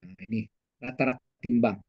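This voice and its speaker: A man's voice: medium pitch, level tone, a little fast, no echo. A man teaching over a video call, his voice choppy and cutting out as the connection falters. The sound is dull and lo-fi, and it is close and dry with no room around it. He explains formulas step by step. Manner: walks through formulas step by step. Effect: choppy, cutting-out internet audio. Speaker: lecturer. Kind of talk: online finance lecture.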